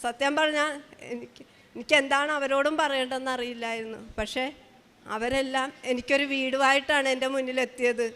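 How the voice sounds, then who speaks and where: Woman, high voice, emotional halting testimony, reverberant hall. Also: steady tone, fairly bright tone, clean tone. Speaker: testimony speaker at a shrine. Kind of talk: spoken personal testimony.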